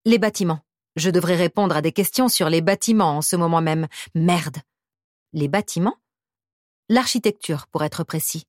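Audiobook: woman voicing a hurried, self-mocking young American man on a phone call, slightly low, dry booth sound. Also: dry recording, close to an everyday voice. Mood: earnest. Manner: hurried, self-deprecating, apologetic. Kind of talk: audiobook character voice.

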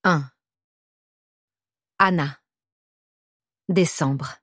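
Low-voiced woman reading an audiobook. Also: drawn-out words, fairly bright tone, husky, no room sound, studio quality. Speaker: audiobook narrator. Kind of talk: first-person audiobook narration.

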